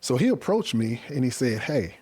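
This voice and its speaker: A man's voice: medium pitch, lively intonation, moderate pace, a little mellow, dry recording. An American man from Dallas hosting a casual chat, effusive and often repeating his words. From Dallas, Texas, US. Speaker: podcast host and interviewer.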